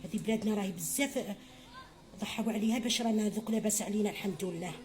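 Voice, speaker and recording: A woman's voice: medium pitch, rapid-fire, darkish tone, slight background noise. A middle-aged woman with an Algerian Arabic accent giving a home cooking tutorial, chatty and motherly, calling viewers her children and adding blessings. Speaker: home cook.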